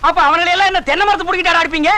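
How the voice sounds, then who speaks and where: A self-important fake village sorcerer in a film comedy. His voice sits very high and bright, and he lectures and scolds with pompous insults. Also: fairly even intonation, rapid-fire. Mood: ranting. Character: bossy fake village sorcerer-priest, middle-aged man. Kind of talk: Tamil film comedy dialogue.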